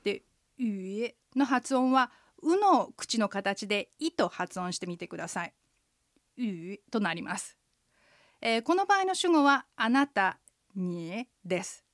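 A woman hosting a radio language lesson, explaining phrases patiently and clearly, often with a short "hai". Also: on the high side, sing-song, unhurried, dry recording, clean studio sound.

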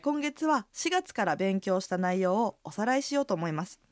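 Lively woman co-hosting a radio lesson. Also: mid-range voice, moderate pace, no echo, clean studio sound. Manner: lively, guiding the lesson with comments. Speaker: radio co-host, inn hostess. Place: radio studio.

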